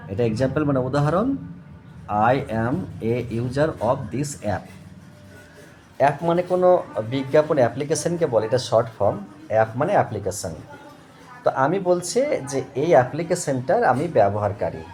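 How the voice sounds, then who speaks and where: A man talks students through English grammar at an unhurried pace, spelling words out letter by letter. His pitch rises and falls a lot as he explains. A faint hiss of noise sits under his voice. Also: expressive, a little mellow. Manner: slow, repeats and spells out words, asks "okay?". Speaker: English tutor.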